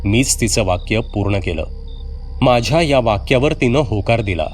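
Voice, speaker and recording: A man narrating a horror story in the first person, measured and steady, with acted dialogue. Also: lowish voice, faint music behind.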